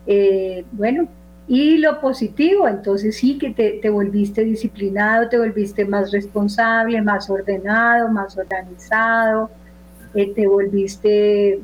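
A woman hosts a faith program in an earnest, coaxing way. She talks through long lists with many pauses, and her voice sits a little high. The recording sounds dull and muffled, with a faint hum behind it. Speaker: host. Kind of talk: guiding a reflective faith exercise.

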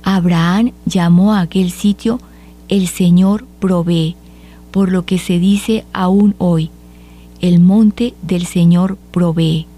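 Female liturgical reader, mellow dark tone, steady solemn delivery. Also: on the low side. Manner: measured, solemn reading. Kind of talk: liturgical scripture reading.

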